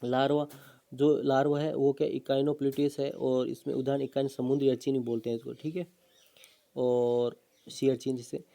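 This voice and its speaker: A man's voice: mid-range voice, flat delivery, normal speed, gravelly, warm tone. A man teaching an exam-prep biology lesson, explaining step by step, repeating terms and asking himself questions. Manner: drops in fillers, "ठीक है" and "है ना".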